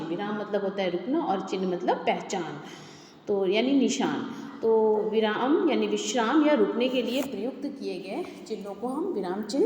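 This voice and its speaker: A woman's voice: a little high, warm tone. A woman teaching a grammar lesson to students, explaining step by step and repeating key words. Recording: echoey room with long reverb, faint background noise.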